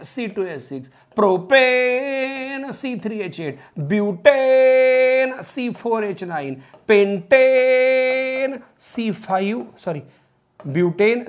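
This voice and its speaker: A male teacher with a high voice lectures students on chemistry, drilling them loudly and chanting compound names in a sing-song fashion.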